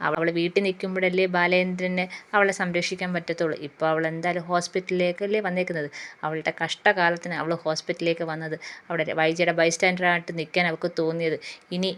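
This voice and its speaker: Woman host, low and even voice, chatty serial recap with drawn-out filler sounds. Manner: chatty, fills pauses with drawn-out "aa" and "then". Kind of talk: casual plot retelling.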